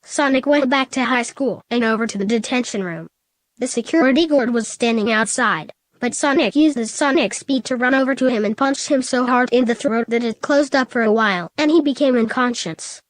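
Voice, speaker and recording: Woman reading fan fiction aloud, fairly high voice, steady plain delivery, dry close sound. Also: a little fast, dry recording.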